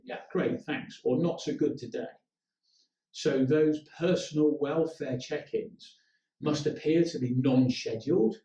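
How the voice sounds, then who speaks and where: A man delivers a leadership training talk, direct and instructive, with a medium-pitched voice. He is picked up from some distance in an echoey room. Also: dark tone, highs cut off. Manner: direct, instructive, with acted-out quotes.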